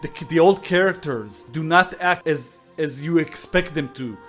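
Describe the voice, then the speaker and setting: A man's voice: on the high side, unhurried, fairly bright tone, faint music behind. A man co-hosting a casual podcast, ranting with exasperated, profane outbursts. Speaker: co-host.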